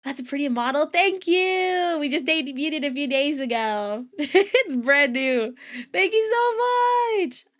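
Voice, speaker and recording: High-pitched cute anime-streamer woman, gushing. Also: a little slow. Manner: expressive, gushing, exclamatory. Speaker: livestreamer, VTuber. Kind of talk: livestream reaction chat.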